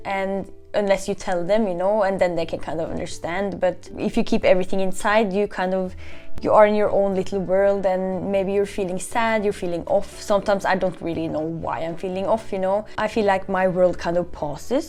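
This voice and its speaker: A woman's voice: medium pitch, a little mellow. A young woman from Norway talking reflectively in a casual vlog, often saying "you know". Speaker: vlogger.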